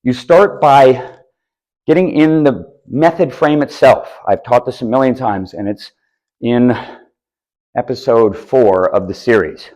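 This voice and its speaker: A man's voice: medium pitch, unhurried, darkish tone, rough recording. A man teaching disc golf technique, explaining casually while demonstrating throws. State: a bit out of breath. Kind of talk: instructional demonstration. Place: outdoors on a course.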